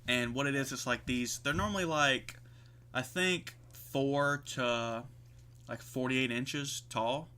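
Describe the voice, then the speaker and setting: A man's voice: mid-range voice, slow pace, sharp tone, clean tone. A man co-hosting a podcast in casual chat, rambling with lots of fillers and swearing freely. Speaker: podcast co-host.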